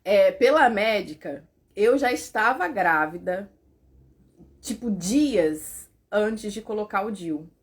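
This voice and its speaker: A young adult woman telling a personal story in a vlog, emotional and animated, with lots of fillers. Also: mid-range voice, slow pace. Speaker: vlogger.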